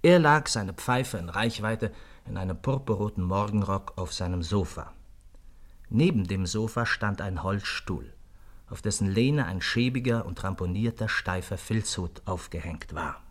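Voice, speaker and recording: An actor playing Doctor Watson, a friendly adult companion, narrating and talking in a 1960s German radio play with a slightly hesitant manner. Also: male voice, on the low side, unhurried.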